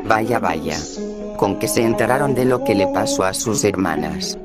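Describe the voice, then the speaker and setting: A man acts out a spiteful old hag of a witch for a horror fan story. The voice is low and slow, snarling with scorn, with loud music underneath. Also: animated. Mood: scornful menace.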